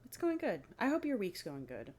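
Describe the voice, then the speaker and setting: A young woman giving a casual fitness vlog update, rambling with fillers and restarts, clearing her throat now and then. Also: medium pitch, huge pitch swings, normal speed, a little mellow. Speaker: vlogger.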